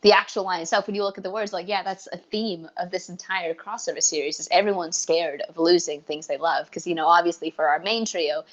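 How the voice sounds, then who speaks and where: A woman's voice: fairly low pitch, steady tone, fairly quick, hardly any pauses, muffled recording. A woman co-hosting a podcast in casual chat, eager and rambling, often restarting her sentences. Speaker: podcast co-host.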